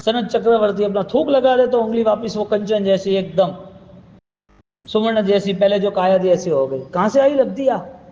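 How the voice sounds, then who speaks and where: A man's voice: sits high, lively intonation, normal speed, mellow, big-room sound, muffled recording, a little hiss or hum. A man giving a sermon as a Jain preacher, asking repeated questions and telling stories to make his point. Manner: questioning, repetitive, storytelling delivery.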